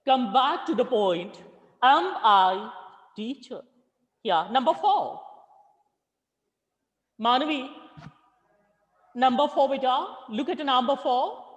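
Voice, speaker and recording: A male teacher, leading an online class, slowly repeating questions and calling on students by name. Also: very high voice, expressive, a bit bright, long reverb tail, lo-fi sound. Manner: slow, repeats questions and calls on students patiently.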